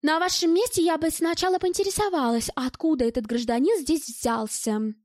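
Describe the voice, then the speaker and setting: A sardonic, sharp-tongued woman, put on by an audiobook reader who meets everything with venom and gloomy scorn. The voice sits high and bright. The recording is close and dry. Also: moderate pace, no echo, lightly acted. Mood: scornful. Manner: biting, scornful, pessimistic. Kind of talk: audiobook reading.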